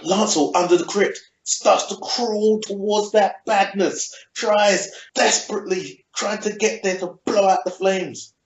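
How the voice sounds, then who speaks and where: A man with a South London accent, hosting a casual TV review and retelling scenes in an animated, sweary, slang-heavy way. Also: high voice, unhurried, hardly any pauses. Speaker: TV review show host. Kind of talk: casual TV recap chat. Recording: roomy dull lo-fi room sound.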